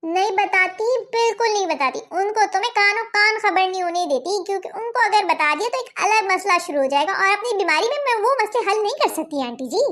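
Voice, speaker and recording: A woman playing a sharp-tongued young wife. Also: extremely high pitch, lively intonation, fairly quick, hardly any pauses. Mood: complaining. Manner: sharp-witted, complaining. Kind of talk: comedy skit.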